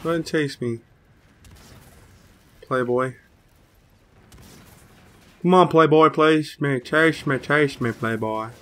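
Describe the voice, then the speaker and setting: Young guy w a bright voice, kinda hoarse, hyped cussing commentary over his game. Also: a little high, takes it slowly, pauses often. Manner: excitable trash talk, cursing. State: slightly hoarse, a little sick. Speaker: gaming channel host. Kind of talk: live gameplay commentary.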